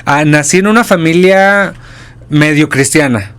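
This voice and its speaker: A man in his forties from Durango with a northern Mexican accent, a pastor and church planter calmly telling his story as a guest. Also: on the high side, unhurried, clear, resonant tone. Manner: calm, steady storytelling with small restarts.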